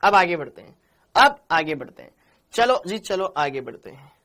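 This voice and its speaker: A man with a high, sing-song voice and a sharp tone speaks at a moderate pace. He teaches chemistry in a live online class, chatty and repetitive, calling each student "beta," praising them by name, and repeating their answers.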